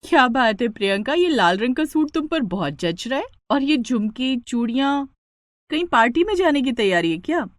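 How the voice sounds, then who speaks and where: A woman voicing a patient young sister-in-law in a storybook cartoon, gentle but pointedly sarcastic. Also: high-pitched, big pitch swings, moderate pace, no room sound, clean studio sound. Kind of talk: storybook narration.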